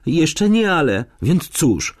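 A man doing a shrill, terrified young girl. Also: big pitch swings, slow pace, heavily acted. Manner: shrill, pleading cries.

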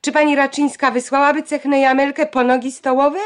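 A woman reading an audiobook, voicing a defiant schoolgirl who fires off sharp, indignant questions. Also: high voice, level tone, brisk, voice pushed up, natural voice.

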